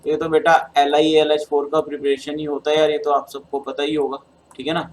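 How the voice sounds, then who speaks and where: With a Hindi accent and a sore throat, a man teaches chemistry by solving an exam paper step by step, addressing his students as beta. His fairly high-pitched, darkish voice is completely flat and brisk. The poor audio has slight background noise.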